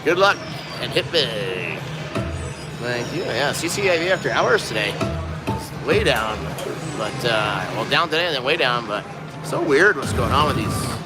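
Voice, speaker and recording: A man's voice: medium pitch, lively intonation, a little slow. A man of fifty doing casual live-stream commentary as he gambles, exclaiming and chatting to his viewers. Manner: exclamatory, talking to chat and machine. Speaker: casino slot live streamer. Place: casino gaming floor. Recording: loud casino music behind voice.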